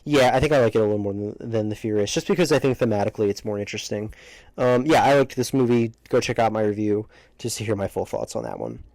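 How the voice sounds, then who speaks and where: A man's voice: on the low side, darkish tone, no room sound, poor audio. A man doing casual, opinionated video commentary as a movie reviewer, talking emphatically and often interrupting himself, close to the microphone. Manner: halting, self-interrupting, emphatic. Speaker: movie reviewer ranking films. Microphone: close microphone, breaths hitting it.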